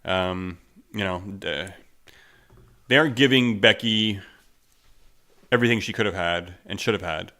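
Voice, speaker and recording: A man's voice: low voice, measured pace, pauses often, bright, forceful tone. A man co-hosting a wrestling podcast, chatting casually and sarcastically, often acting out quotes in other voices. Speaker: podcast co-host.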